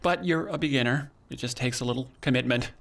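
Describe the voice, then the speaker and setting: A man's voice: mid-range voice, fast, gravelly, a bit bright. An actor playing a campy, motherly ghost mentor who calls others honey and sweetheart, in an audio drama. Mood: warm, coaching.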